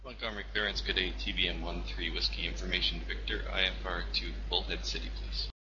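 A man's voice: low-pitched, little pitch movement, fast, pushed and bright. A man speaking as a pilot, making clipped radio calls and readbacks. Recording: dull radio with faint noise.

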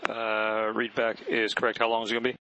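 A man's voice: on the low side, completely flat delivery, brisk, bright, forceful tone, lo-fi sound. A man working as an air traffic controller, giving clipped, matter-of-fact procedural instructions over radio. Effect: aviation radio transmission. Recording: noisy radio link with clicks.

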